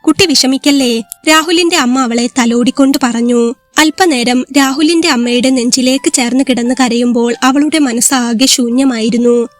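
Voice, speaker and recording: A woman reading a scripted story aloud in a steady, even manner. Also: high voice, normal speed, dry recording, faint music behind.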